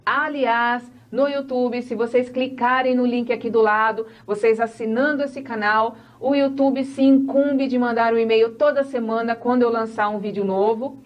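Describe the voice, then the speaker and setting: A woman's voice: fairly high pitch, normal speed, few pauses. A woman whose first language is Portuguese, teaching an online English lesson and explaining step by step as she acts out sample dialogues.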